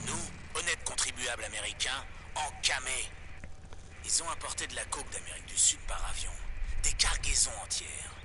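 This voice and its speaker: An actor playing a conspiracy-minded male host on a pirate radio broadcast, ranting and dropping into dramatic whispers. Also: medium pitch. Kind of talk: video game voice acting, dubbed.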